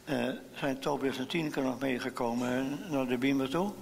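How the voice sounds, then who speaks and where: A man's voice: mid-range voice, steady tone, moderate pace, vocal fry, slight background noise. A man, a pastor giving a friendly children's sermon in a church. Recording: echoey church hall.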